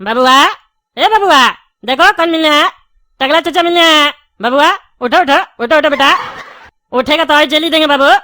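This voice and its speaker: A bald candy shopkeeper, played by a woman, in a cartoon comedy. He haggles, chatters and protests quickly, in a high, bright, sharp tone. The recording is close and dry. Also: fairly even intonation, dry recording. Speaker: voice actor. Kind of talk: animated comedy voice acting.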